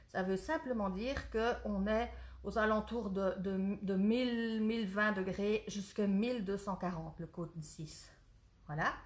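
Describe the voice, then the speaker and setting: A woman who owns a ceramics shop, chatting eagerly through a casual product demonstration and sometimes losing her thread. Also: mid-range voice. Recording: roomy echo.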